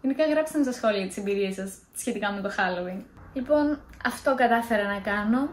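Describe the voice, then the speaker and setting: A woman's voice: medium pitch, animated, reverberant, slight background noise. A young woman in a casual vlog, chatty and self-mocking as she tells scary stories. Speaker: vlogger.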